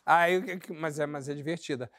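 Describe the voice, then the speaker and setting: Man with a high voice, animated, laughing through his stories; casual group chat. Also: fairly quick, no room sound, clean studio sound. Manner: animated, laughing while telling a story. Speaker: guest.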